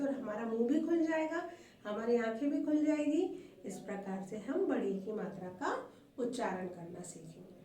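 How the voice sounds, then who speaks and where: In a recorded video lesson, a woman with a slightly high, mellow voice teaches a primary school language class, patiently repeating herself, posing questions to the pupils and answering them herself, and calling them "beta." Her voice sounds far from the mic in an echoey room with a faint hum.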